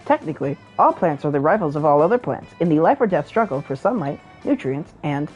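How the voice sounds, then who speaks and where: A woman voicing a polite robot student in a dating game, speaking in a flat, formal way. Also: deep voice, a little fast, slightly rough, highs cut off, faint music behind, exaggerated voice.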